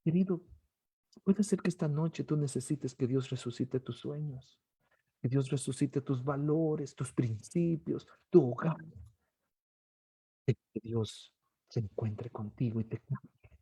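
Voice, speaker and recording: Man, Guatemalan accent, pastor, impassioned sermon, husky, close dry sound. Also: mid-range voice, measured pace, long pauses, no room sound. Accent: Guatemalan Spanish. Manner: impassioned preaching, swinging from soft pleas to loud cries. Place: church service streamed online.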